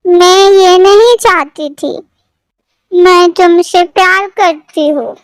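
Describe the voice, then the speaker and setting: A woman's voice: extremely high pitch, slow, no room sound. A woman voicing a tipsy, sulky young woman. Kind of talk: fan fiction story read aloud.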